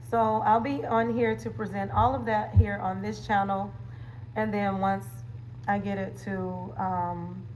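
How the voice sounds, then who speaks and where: A medium-pitched, darkish female voice comes through a rough recording with slight background noise. This wellness coach hosts a casual livestream, playfully chatting with viewers in slangy, conversational language, often laughing and using catchphrases.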